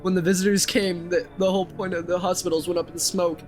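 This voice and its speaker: Man acting a pained, high-strained dying firefighter. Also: flat delivery, a little mellow, soft background music, lightly acted. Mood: bitter, resigned. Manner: groaning, halting, strained. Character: pained, dying male firefighter, bitter and resigned.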